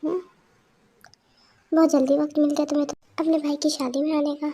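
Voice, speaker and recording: A woman reading an amateur audio story, voicing every character herself and filling pauses with little hums. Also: high voice, flat delivery, dark tone. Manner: switches quickly between character voices, lots of hums. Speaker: fan story narrator voicing all characters.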